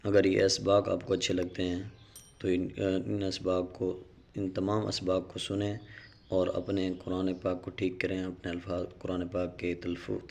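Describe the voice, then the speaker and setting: Low-voiced man teaching Quran reading. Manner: explains rules quickly, then recites syllables slowly and drawn out. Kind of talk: Noorani Qaida reading lesson.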